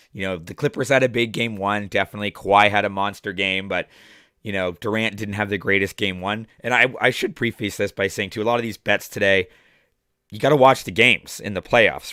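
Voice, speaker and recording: A man in his thirties, hoarse from the flu, hosting a chatty sports betting podcast and clearing his throat often. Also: fairly low pitch, sharp tone, no echo, clean studio sound. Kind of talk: casual betting picks talk.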